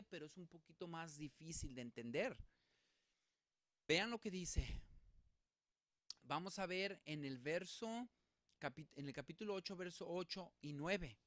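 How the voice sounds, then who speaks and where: A man teaching a Bible study in a relaxed spoken way, working through examples with many fillers and restarts. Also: sits high, dry recording.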